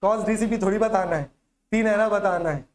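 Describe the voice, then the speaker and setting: Speaking at a normal speed in a high-sitting voice, this man teaches a Hindi classroom with a Chhattisgarh accent. Slight background noise accompanies his lecture, where he drills students with repeated questions and mnemonic tricks.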